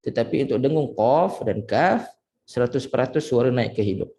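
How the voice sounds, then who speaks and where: Man teaching Quran pronunciation slowly. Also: medium pitch, lively intonation, mellow. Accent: Malaysian Malay. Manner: corrects and demonstrates sounds slowly, repeating syllables. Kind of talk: tajwid pronunciation lesson.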